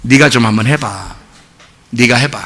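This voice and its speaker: A male pastor voicing God as a gentle, fatherly figure, speaking softly and slowly as he coaxes a believer in a sermon. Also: very high-pitched, lively intonation, roomy sound, voice pushed up, full character voice. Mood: hushed.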